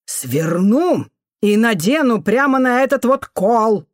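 A woman's voice: a little high, lively intonation, measured pace, no room sound, clean studio sound, pitched above the performer's own voice. A woman voicing a vicious, foul-mouthed old female caretaker who snarls and shrieks abuse. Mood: furious.

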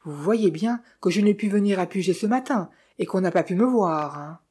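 A young clerk playing detective, thrown into confusion and firing off anxious questions, voiced by a woman reading the book. The tone is mellow and slightly breathy. It is an audiobook character voice. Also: mid-range voice, expressive, normal speed. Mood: weary. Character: young male clerk, bewildered amateur sleuth.

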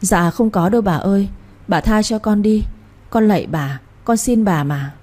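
A woman's voice: medium pitch, normal speed, mellow, natural voice. A woman voicing a terrified young man who begs desperately for mercy. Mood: pleading. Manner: pleading, desperate.

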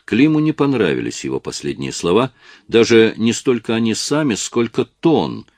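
A man narrating a novel in an expressive storytelling manner. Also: fairly low pitch, moderate pace, no room sound. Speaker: audiobook narrator. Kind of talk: scripted narration.

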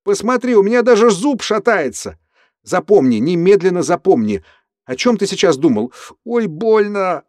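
A man's voice: fairly low pitch, expressive, moderate pace, dry recording. Male narrator doing an erratic prison cellmate, audiobook, preachy and volatile, dry booth sound. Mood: pained yelling. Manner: lecturing, then erupting into shouts. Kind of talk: audiobook character voice.

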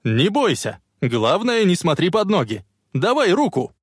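Eccentric old inventor shouting encouragement, guy doing him, lively and high. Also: measured pace, husky, no echo, clean studio sound, full character voice. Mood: urgent encouraging. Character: brave eccentric scientist, older man.

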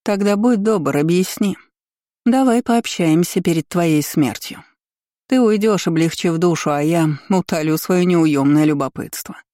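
A man's voice: a little high, a little slow, mellow, dry recording, studio quality, close to an everyday voice. A man voicing a cruel, mocking empress in a read-aloud novel, with a taunting, gloating, sing-song delivery. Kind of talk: audiobook character voice.

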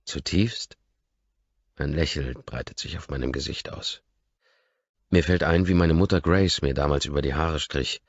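A man narrating an audiobook in the first person, in a calm, measured reading that drops to a murmur. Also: rumbling low, no echo, dull audio.

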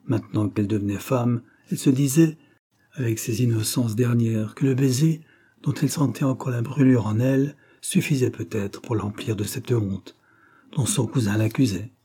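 A man narrates a classic novel as an audiobook. His reading is measured and expressive. His voice sounds mellow and warm, with a husky edge and a middle pitch.

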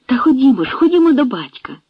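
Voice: mid-range voice, lively intonation, moderate pace, no room sound, lightly acted. A reader voicing an emotional young noblewoman who speaks in eager exclamations, in an audiobook reading. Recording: dry, dull lo-fi sound.

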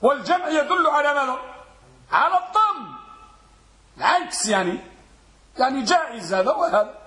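A man teaching Arabic grammar in a classroom, quizzing his students and repeating words slowly to drill them. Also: extremely high pitch, very animated, sharp tone, roomy sound. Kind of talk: classroom lesson with questions to students.

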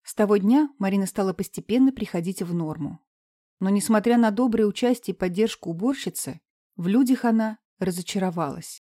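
Brief: female audiobook narrator, mellow tone, calm measured reading, dry close sound. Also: medium pitch, dry recording. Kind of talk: scripted narration.

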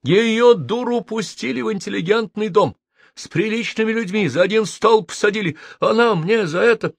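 A man's voice: on the high side, big pitch swings, normal speed, no echo, pitched above the performer's own voice. A man doing a shaky, tearful, outraged man. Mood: sobbing rage. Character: trembling, sobbing man, proud host insulted.

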